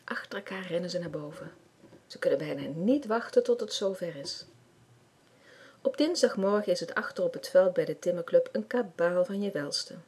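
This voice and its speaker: A woman reading a children's story aloud with lively expression. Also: fairly low pitch, moderate pace, slightly rough.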